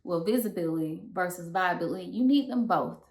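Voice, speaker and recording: A woman's voice: lowish voice, fairly quick, a little mellow. A woman co-hosting a business podcast, chatty and upbeat, talking casually with her co-host. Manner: upbeat, chatty, uses y'all. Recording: roomy echo.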